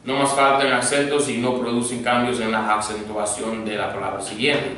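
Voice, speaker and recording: Speaking at medium pitch and normal speed with little pitch movement, a man who is a pastor leads a grammar lesson in a bright, forceful tone. He is patient, confirms understanding and drills repetition; the room echoes, he sounds distant, and there's faint noise.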